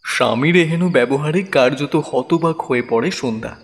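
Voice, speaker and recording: A man narrating an audio drama in a measured storytelling manner. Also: mid-range voice, long reverb tail.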